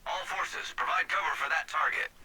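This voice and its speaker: An actor playing an urgent military officer in a video game, barking clipped, commanding battle orders through a noisy radio filter. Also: male voice, fairly high pitch, steady tone, normal speed, sharp tone, husky, heavily acted. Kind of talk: scripted game voice callouts.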